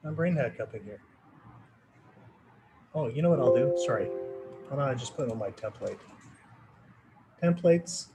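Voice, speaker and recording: A man's voice: mid-range voice, lively intonation, moderate pace, long pauses, loud music behind the voice, rough recording. A man hosting a live trading webinar, answering viewer questions in a loose, rambling way with many fillers and restarts. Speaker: trading educator presenting a webinar.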